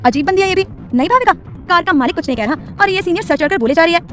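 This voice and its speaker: A hot-headed young college girl talks in a brash, slangy, dramatic way, as a woman acts her out. Her voice sits high and her words tumble out fast. Faint music plays under an audio story. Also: expressive, a bit bright. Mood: defiant.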